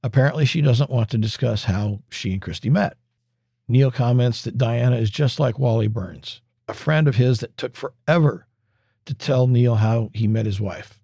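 Guy doing a casual podcast recap, mellow tone, dry close mic, kinda wry. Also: medium pitch, normal speed, creaky, dry recording. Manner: wry, conversational recap with asides. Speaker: podcast host. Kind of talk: episode recap narration.

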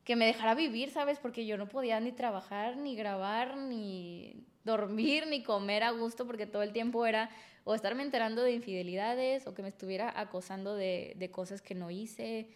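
A woman's voice: a little high, moderate pace. Frank Mexican woman telling her story. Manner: frank and emotional, full of fillers, acts out quoted lines. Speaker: podcast guest. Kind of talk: candid personal storytelling.

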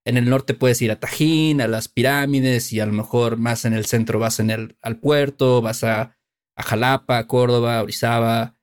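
A man's voice: medium pitch, steady tone, normal speed, clear, resonant tone. A man with a Mexican Spanish accent chatting casually, with frequent filler words. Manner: chatty, many fillers like "este". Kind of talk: casual chat.

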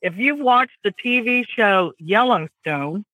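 A woman's voice: medium pitch, slow pace, no echo, low-quality recording. A comedian woman with a Southern US accent, chatting casually and animatedly in an interview. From American South. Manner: chatty, animated, laughs easily. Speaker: comedian guest.

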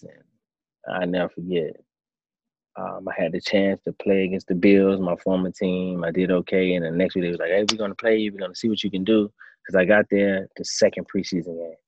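Man, 30s, very low voice, relaxed storyteller, dry dull-sounding recording. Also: no echo. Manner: relaxed storytelling, acts out his own past thoughts. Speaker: former quarterback turned coach. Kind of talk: casual interview answers.

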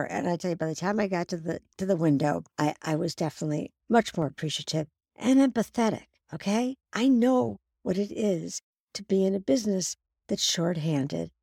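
A middle-aged woman talks straight to the listener and acts out the voices in her stories. Her voice has a gravelly edge, and the recording is dry and close with no room sound. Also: mid-range voice, a little mellow, dry recording. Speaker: host and coach. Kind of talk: storytelling monologue.

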